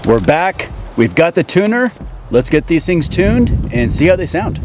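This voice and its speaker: Against a noisy background, a vlog host casually explains a how-to in simple, informal steps. His slightly high voice swings widely in pitch, though his pace stays measured.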